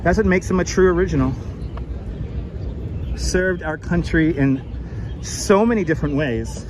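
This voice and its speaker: A man with a high-pitched voice works as a tour guide on a livestream, projecting as he points out sights to his viewers. He is recorded outdoors on city streets, with clear traffic and urban noise behind him. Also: expressive, unhurried. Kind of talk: live walking tour commentary to online viewers. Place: outdoors on busy city streets and park edge.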